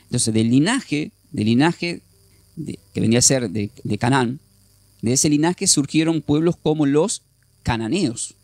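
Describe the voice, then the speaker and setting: A man's voice: mid-range voice, expressive, measured pace, a little mellow, dry recording. A man teaching a Bible class, explaining step by step and often checking with his listeners. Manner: repeats and restarts while thinking aloud.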